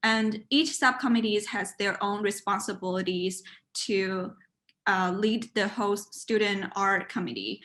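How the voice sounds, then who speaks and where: A Chinese woman in her twenties, a native Mandarin speaker, answers interview questions in accented English over a video call from a room at home. As a student interviewee she sounds hesitant, with frequent fillers and restarts, and her medium-pitched voice is unhurried and fairly bright.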